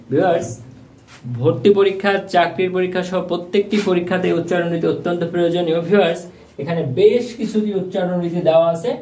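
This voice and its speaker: High-voiced man teaching grammar. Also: darkish tone. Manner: addresses viewers constantly, spells words slowly. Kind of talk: grammar lesson. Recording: echoey room, mic far off, faint noise.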